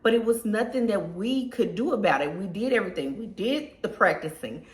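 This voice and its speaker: In an echoey room, a Southern US lifestyle vlogger in her thirties tells her viewers a personal story, casual and emotional, often saying "y'all." Her mid-range voice is animated and a little fast.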